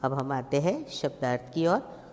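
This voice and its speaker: Female teacher, low and slow, explaining lessons step by step, reverberant room. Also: very animated, a little mellow. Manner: slow explaining with checking questions. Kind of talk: recorded Hindi poem lesson. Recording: long reverb.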